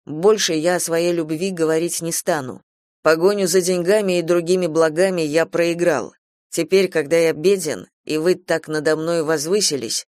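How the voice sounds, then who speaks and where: A man's voice: fairly high pitch, no room sound, studio quality, lightly acted. A man playing a steadfast, devoted farm manager who speaks earnestly and bluntly in a radio play. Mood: earnest pleading.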